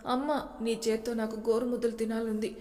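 A woman's voice: on the high side, little pitch movement, fast, dark tone, roomy sound, long reverb tail, close to an everyday voice. Woman voicing a tearful, hurt young wife. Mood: sad. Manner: pleading, emotional.

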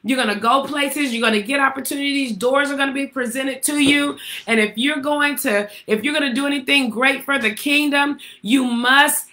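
Woman preacher, bright higher voice, call-and-response sermon delivery with repeated lines. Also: moderate pace. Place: livestream to online viewers.

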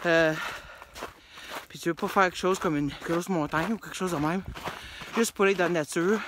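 A woman's voice: on the low side, noisy background. Chatty Quebec French woman hiking outdoors. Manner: chatty, rambling, laughs often. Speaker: hiking vlogger. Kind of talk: casual vlog chat. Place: snowy park trail outdoors. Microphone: phone at arm's length.

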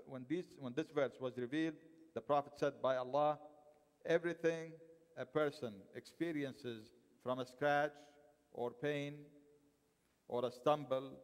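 A middle-aged man reads a translated sermon aloud from a sheet of paper, now and then restarting a word to correct himself. His voice is smooth and resonant. A long hall reverb from the mosque prayer room trails after each phrase. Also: mid-range voice. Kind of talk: reading a translated Friday sermon.

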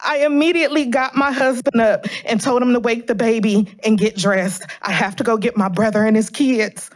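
A woman's voice: a little high, fairly even intonation, normal speed. Earnest woman pleading at a podium. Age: 30s. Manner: earnest, pleading, emotionally charged. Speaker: public commenter at city council. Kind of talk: reading a prepared public statement. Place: large indoor council chamber. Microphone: podium gooseneck microphone.

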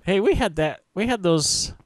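A man playing a video game with a friend, chatting casually and joking in a playful, excitable way. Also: sits high, normal speed. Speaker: let's play gamer. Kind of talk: casual co-op gameplay chat.

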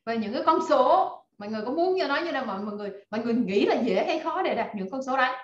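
This female online course instructor speaks very fast in a high, animated voice. She's leading a live class on a video call, encouraging her students with many fillers, and the call audio sounds echoey and dull.

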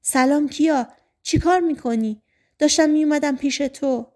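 A woman voicing a caring, shy teenage boy who speaks softly and reassuringly in an audiobook. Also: sits high, pitched above the performer's own voice, close to an everyday voice.

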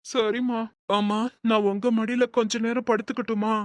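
A woman's voice: fairly high pitch, flat delivery, normal speed, no echo, natural voice. A woman voicing a hurt, resentful young husband in a storybook drama, talking plaintively to his mother. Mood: soft. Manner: plaintive, sulking.

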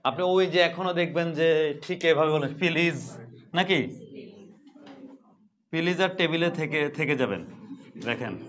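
A man's voice: on the high side, unhurried, long pauses, fairly bright tone. A man teaching an English pronunciation class, teasing his students and repeating sounds as drills.

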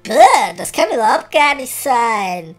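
A snooty, party-obsessed female fairy whines and squeals through this comedic audio play, voiced by a man in falsetto. Her voice sits very high and leaps wildly up and down, and her speech carries a Ruhr German accent. She is quick to be disgusted and sounds spoiled. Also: very animated, fairly bright tone, soft background music, full character voice. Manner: whiny, squealing, easily disgusted.

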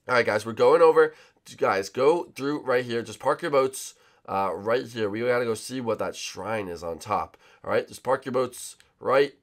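A man's voice: mid-range voice, normal speed. A man improvising a video game role-play, giving directions in a casual, bossy manner. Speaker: gamer performing a role-play.

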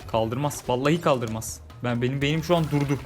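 A gaming YouTuber speaks a little fast in a mid-range voice, with soft music in the background. In his casual let's-play commentary, he jokes and grumbles over his own gameplay, repeating his complaints out of frustration.

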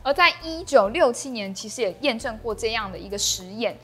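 A woman's voice: fairly high pitch, expressive, fairly quick. A young woman with a Taiwanese accent presenting a scripted explainer to camera on a lapel mic in a small indoor room. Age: young adult. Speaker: host of an explainer channel. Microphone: clip-on lapel mic. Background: background music.

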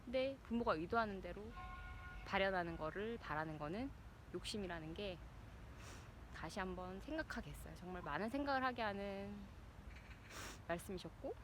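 A woman's voice: mid-range voice, expressive, normal speed, pauses often. A woman in her thirties chats casually to listeners while out running, like a personal vlog. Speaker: vlogger, a parent. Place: outdoors, out exercising. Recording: noisy outdoor recording, uneven level.

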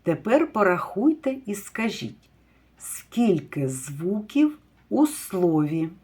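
Slow, husky woman teaching phonics. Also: mid-range voice, big pitch swings, warm tone. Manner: slow, drawn-out word sounding with praise and questions. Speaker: kindergarten teacher. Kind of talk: phonics lesson for young children.

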